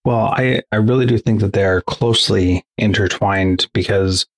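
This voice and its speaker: A man with a very low, husky voice hosts a conversational interview. He asks his questions in a steady, reflective way and answers in kind with stories from his own life. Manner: thoughtful, measured questioning. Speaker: podcast host.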